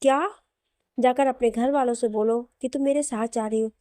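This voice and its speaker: A woman's voice: a little high, fairly even intonation, moderate pace, mellow, dry recording, studio quality, lightly acted. A woman voicing an arrogant, angry young husband who talks curtly and bossily. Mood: irritated. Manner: curt, irritable, bossy.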